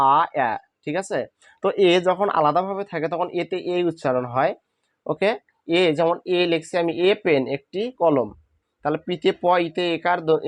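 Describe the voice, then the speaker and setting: A man's voice: on the high side, dry recording. A man teaching a spoken lesson, patiently asking questions and answering them himself. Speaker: English teacher.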